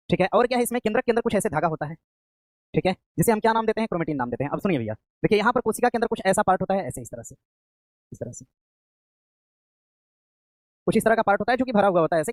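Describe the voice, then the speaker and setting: Rapid-fire male coaching teacher, drilling. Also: sits high, darkish tone, no echo. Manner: drills by asking and answering his own questions; repeats key terms again and again. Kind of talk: exam-prep lecture. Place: classroom streamed live online.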